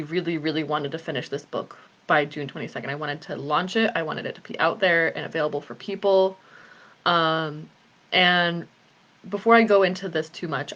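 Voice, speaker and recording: Woman, late twenties, low-ish voice, candid and rambling live-video chat, muffled lo-fi sound. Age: 20s. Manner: chatty, candid, rambling with many ums. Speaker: author and group host.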